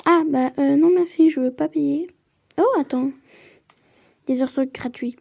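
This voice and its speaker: A woman plays a story game casually, reading the narration aloud and adding chatty asides of her own. Her voice sits high and is creaky with a darkish tone, at a moderate pace.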